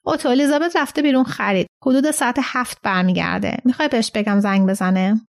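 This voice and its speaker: A woman's voice: on the high side, creaky. A woman reading the lines of a startled, uneasy middle-aged man in a storybook reading. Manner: unsettled, questioning.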